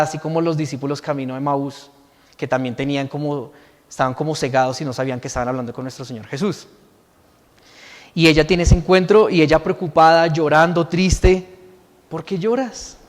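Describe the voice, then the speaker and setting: Pastor preaching in a reverberant hall. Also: male voice, on the high side. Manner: reads scripture aloud and explains it, asking "¿sí?" to the congregation. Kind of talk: sermon. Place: church hall.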